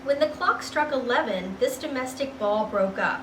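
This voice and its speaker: A woman reading a story aloud as dramatic narration, with deliberate, expressive phrasing. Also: high voice. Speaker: storybook reader. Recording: roomy, distant mic, noisy background.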